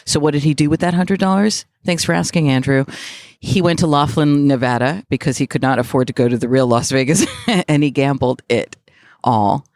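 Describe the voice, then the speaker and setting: A woman interview guest, an author and speaker, chatting in a lively, laughing way, recorded outdoors in a park. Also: deep voice, brisk, no room sound, studio quality. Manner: lively, laughing, animated storytelling. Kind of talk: casual chat.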